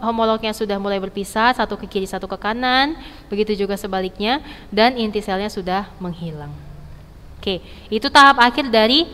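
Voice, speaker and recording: A woman's voice: on the high side, a bit bright, smooth. A woman teaching a school lesson, explaining step by step, repeating key points and checking that students follow. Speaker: biology teacher. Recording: reverberant, hall-like echo.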